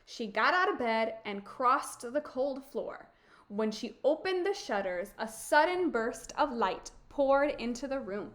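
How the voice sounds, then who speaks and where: Slow, high-voiced woman reading a storybook. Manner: slow, expressive, emphatic reading. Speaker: teacher. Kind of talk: storybook read-aloud.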